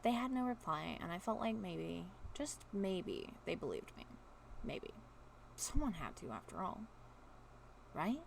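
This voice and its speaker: A woman's voice: fairly low pitch, very animated, measured pace, gravelly, slight background noise. A woman vlogger reads a first-person story aloud with expression and breaks off now and then for casual asides. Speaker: vlogger reading a book aloud.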